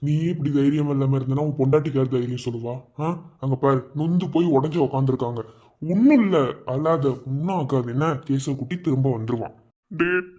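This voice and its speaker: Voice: medium pitch, lightly acted. Earnest guilty young dad in a cartoon, praying hard, dull muffled audio, someone voicing him. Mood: consoling. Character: young husband and father, grieving and guilty.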